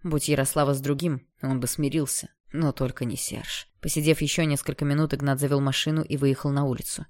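An audiobook narrator reading a romance novel aloud. The reading is steady and expressive, with an even, mid-range pitch. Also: a little fast, few pauses.

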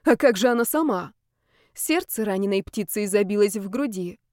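A woman's voice: mid-range voice, expressive, normal speed, a little mellow, no echo. Woman narrating an audiobook, dry sound. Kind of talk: scripted narration.

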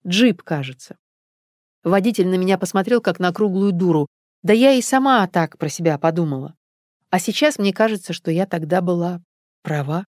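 A woman's voice: on the low side, moderate pace, darkish tone, no room sound, studio quality, natural voice. A woman reading a young mother who confides her fears to her husband in a rueful, guilty way.

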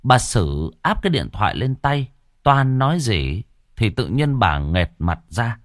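A man narrating a ghost story in a dramatic, lively storytelling manner. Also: mid-range voice, a little slow, no room sound, studio quality.

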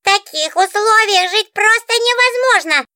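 A spoiled, whiny talking book. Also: female voice, very high voice, animated, normal speed, pushed and bright, no echo, clean studio sound, pitched above the performer's own voice, full character voice. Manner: whiny, affected, pouty. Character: spoiled capricious talking book, female diva. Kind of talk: audiobook character voice.

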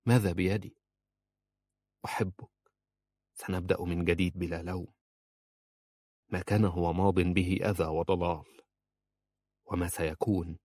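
A man reading as a hushed lovesick man. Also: deep voice, no echo. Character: tender, lovesick grown man, soft-spoken.

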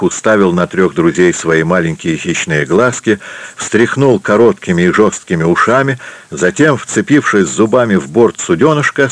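Low-voiced man reading an adventure audiobook. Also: dry recording. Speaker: audiobook narrator. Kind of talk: scripted narration.

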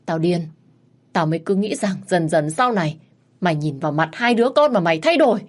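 A woman voicing a sharp-tongued young wife who curses in a shrill, sour voice. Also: expressive, fairly quick. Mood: furious scolding. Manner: scolding, cursing loudly.

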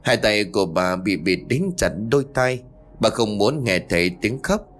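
A man with a low voice tells a ghost story, his delivery lively and rising and falling with suspense. Faint music sits under the narration. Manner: suspenseful, expressive.

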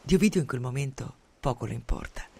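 A man reading a novel aloud in a dramatic, expressive way, sinking to hushed tones at tense moments, into a close studio microphone. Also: mid-range voice, fast talker, vocal fry, breathy edge. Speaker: reader. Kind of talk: dramatic audiobook narration.

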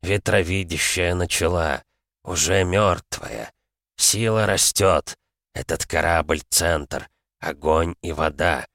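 A man voicing a slow, cryptic bird-creature woman. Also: sits low, fairly even intonation, a bit bright, dry recording, studio quality, exaggerated voice. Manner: slow broken halting speech. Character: strange birdlike female wind creature, cryptic.

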